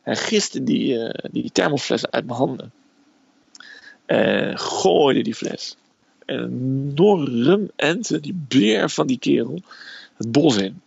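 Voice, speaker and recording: Gravelly-voiced man telling a story. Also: mid-range voice, animated, slow pace, a little mellow, no room sound, highs cut off. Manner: hesitant storytelling, frequent "eh" fillers. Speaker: guest telling a personal story. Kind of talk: casual spoken storytelling.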